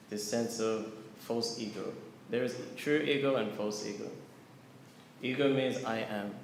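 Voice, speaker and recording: A scripture lecturer leads a devotional class with chanting, teaching earnestly, explaining patiently and turning to listeners with questions. His gravelly, middle-pitched voice rings through a large, echoey hall with a long reverb tail, faint room ambience and slight background noise.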